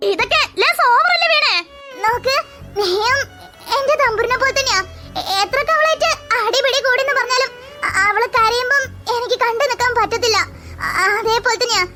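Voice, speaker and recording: A voice actor playing a firm young man in a cartoon who scolds fast and insists. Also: very high voice, bright, forceful tone, heavily acted. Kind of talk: cartoon voice acting.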